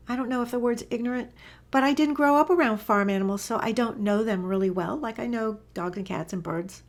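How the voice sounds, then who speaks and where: A woman teaching a gentle spoken lesson, soft-spoken and often dropping into whispers, enthusiastic with light laughs. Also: mid-range voice. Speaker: animal communication teacher.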